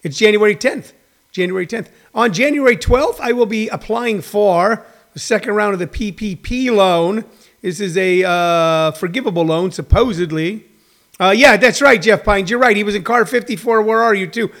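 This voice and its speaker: High-voiced man in rambling radio chat. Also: fairly bright tone. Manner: digressive, self-deprecating, halting. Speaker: host of a daily live streamed comedy radio show. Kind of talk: casual, rambling chat to listeners.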